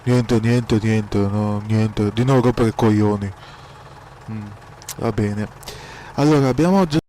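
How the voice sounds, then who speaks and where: A man improvising a farmer in a game roleplay, angry and swearing, at times shouting. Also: lowish voice, slow pace, a little hiss or hum. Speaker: roleplay farmer, channel host.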